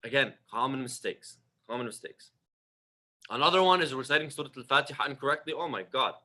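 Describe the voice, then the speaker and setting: A man's voice: medium pitch, animated, a little fast, pushed and bright. A man giving a religious lecture, direct and emphatic, full of rhetorical questions aimed at his listeners. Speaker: religious teacher.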